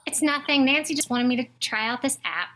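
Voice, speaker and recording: A woman playing a flustered, quick-talking woman. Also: high voice, animated, a bit bright. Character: flustered woman caught using a dating app.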